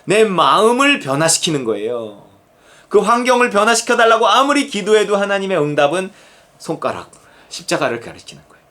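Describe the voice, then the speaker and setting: A man delivering a sermon as pastor, his voice sitting a little high and moving with wide, lively swings. He presses his points with earnest emphasis, then falls to hushed, prayerful tones. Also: brisk.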